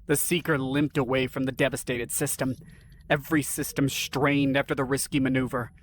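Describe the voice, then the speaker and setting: A man narrating a scripted science-fiction story in an even, dramatic storytelling manner. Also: medium pitch, normal speed, a little hiss or hum.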